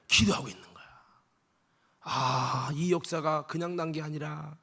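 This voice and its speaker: A high-voiced man preaches a Sunday sermon in a church, bringing the scripture alive by acting out each character's lines. He swings between loud calls to the congregation and quiet, close asides. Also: a little slow, gravelly. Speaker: senior pastor. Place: church sanctuary.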